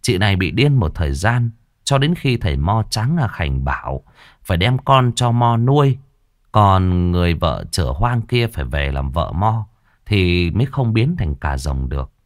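A man narrating a horror story in a lively, vivid way. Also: normal speed, no room sound, studio quality. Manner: lively, vivid telling with varied pitch.

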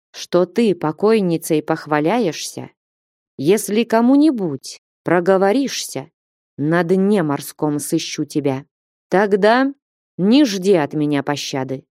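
A woman voicing a stern, grieving old male merchant who scolds and threatens slowly in a storybook reading. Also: fairly low pitch, expressive, warm tone, no room sound, clean studio sound. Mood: threatening. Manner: reproachful, threatening.

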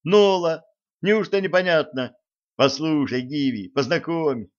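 A man reading an audiobook voices an excitable young male cabin boy who shouts his lines with eager wonder. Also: on the high side, measured pace, lo-fi sound, pitched above the performer's own voice, natural voice. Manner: eager, breathless exclamations.

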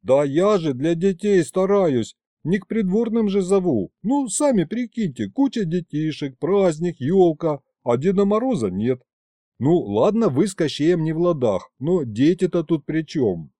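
Man playing an overexcited young guy, high, loud, bouncy, storybook. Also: very animated, unhurried, no echo. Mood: eager. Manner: shouting, eager, pleading.

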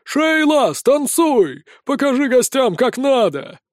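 A man voicing a crowd of rowdy, drunken female succubi who are shouting out from their tables. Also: very high-pitched, big pitch swings, slow pace, no room sound, clean studio sound, voice pushed up, full character voice. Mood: rowdy teasing. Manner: loud teasing tavern shouts.

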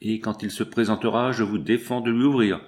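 A man's voice: fairly low pitch, fairly even intonation, fairly quick, close to an everyday voice. A man reading the part of a stern, curt factory foreman in an audiobook. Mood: reproachful. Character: stern male factory foreman, rough-voiced.

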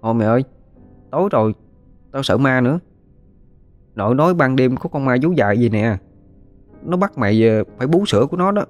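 A man's voice: medium pitch, animated, a little fast, pauses often, soft background music, pitched above the performer's own voice, close to an everyday voice. A man doing a timid little boy. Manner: hesitant, fearful, childish. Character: timid five-year-old boy, scared of ghosts.

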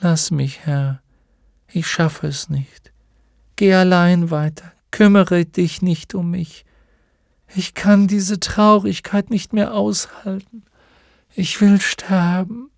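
A man reading an audiobook and voicing a weary, despairing talking horse that speaks haltingly and often in a whisper. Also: sits high, steady tone, gravelly, a little mellow, no echo, clean studio sound, voice pushed up, full character voice. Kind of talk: audiobook character voice.

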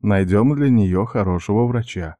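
A patient male questioner with a low, mellow voice, coaxing and lulling in an even, soft murmur in a storybook tale, as the narrator plays him. The recording is dry and close. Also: moderate pace, dry recording, natural voice. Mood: soothing coaxing. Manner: soft, ingratiating, monotonous. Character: gentle investigator man, soothing and coaxing. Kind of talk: audiobook character voice.

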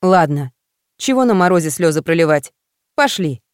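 A woman voicing a blunt young woman best friend who talks briskly and teases in a no-nonsense way, in an audiobook. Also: fairly low pitch, expressive, clear, resonant tone, dry recording, clean studio sound, natural voice.

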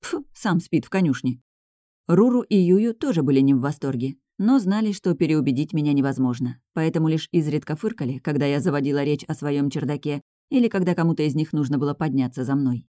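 A woman reading a first-person audiobook in a lively, sardonic storytelling manner, close to the mic. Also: sits low, fast talker, hardly any pauses, no echo. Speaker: audiobook reader.

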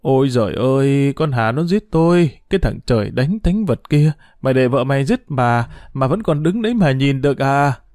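A man's voice: big pitch swings, brisk, a little mellow, no echo, studio quality, lightly acted. A man voicing a bitter old mother-in-law in an audio story, cursing and wailing in a raised voice. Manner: shrill, abusive scolding.

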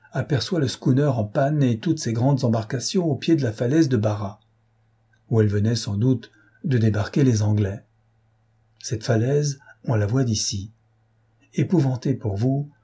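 A man's voice: medium pitch, warm tone, slightly rough, close to an everyday voice. A man reading aloud who voices a loyal, earnest sailor recounting events in a solemn way. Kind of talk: audiobook character reading.

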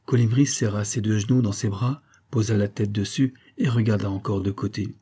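A man reads a classic story aloud at a measured, even pace. His voice is low, mellow and slightly husky. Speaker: audiobook narrator. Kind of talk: scripted literary narration.

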